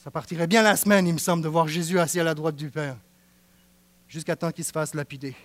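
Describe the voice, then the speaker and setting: A man preaching a sermon with a Quebec French accent, swinging from hushed passages to fervent exclaiming. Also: a little high, steady tone, fast, no room sound. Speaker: pastor.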